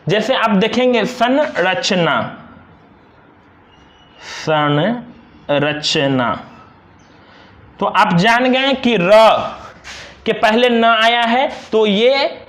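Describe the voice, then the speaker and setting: A young man teaching a grammar lesson, slowly and patiently repeating each example word. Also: very high voice, a bit bright, reverberant. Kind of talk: classroom lesson explaining examples on a board.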